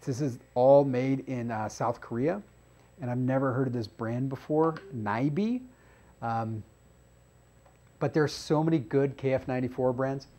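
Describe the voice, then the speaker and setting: A man's voice: medium pitch, a little slow, mellow, muffled recording. A man hosting a casual review show, explaining test results as he goes with frequent fillers. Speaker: host reviewing face masks.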